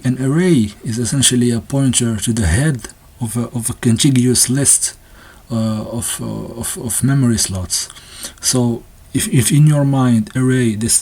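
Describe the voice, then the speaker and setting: A man with a slightly husky, somewhat mellow, medium-pitched voice presents a textbook in a casual, unscripted way. He hesitates a lot, stumbling, restarting sentences and using fillers, and occasionally lets out a small nervous laugh while explaining.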